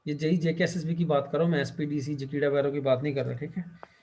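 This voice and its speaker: A male teacher lecturing a class, who keeps asking the students questions and fills his pauses with the same short check-in phrase. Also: on the high side, steady tone, darkish tone. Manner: quizzes students and fills pauses with "theek hai".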